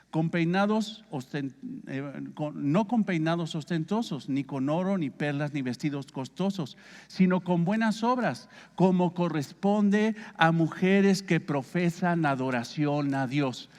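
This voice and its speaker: Man, Mexican accent, pastor, Bible study, conversational, slightly high voice, reverberant hall. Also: unhurried, a little mellow. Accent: Mexican Spanish. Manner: conversational, asks the congregation questions.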